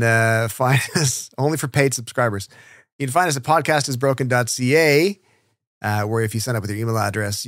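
A man hosting a podcast, relaxed and a bit halting as he wraps up the show. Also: fairly low pitch, dry recording, studio quality. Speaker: podcast host. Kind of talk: casual podcast chat.

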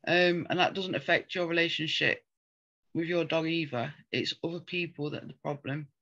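A woman's voice: sits low, steady tone, normal speed, a bit bright, lo-fi sound. A woman co-hosting a casual chat, talking earnestly and rambling with frequent ums. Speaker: podcast co-host.

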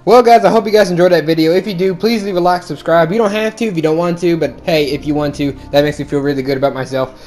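A young man giving excitable, casual commentary as he plays a game, talking to himself and his viewers. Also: a little high, fast talker, faint music behind. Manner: excitable, talks to himself and viewers, shouts when he falls. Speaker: gaming video host.

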